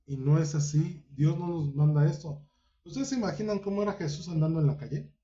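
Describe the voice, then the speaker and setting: Dark-voiced preacher in a roomy, muffled recording. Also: male voice, fairly high pitch, brisk. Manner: asks listeners many direct rhetorical questions; acts out quoted voices within the teaching. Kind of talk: Bible study sermon.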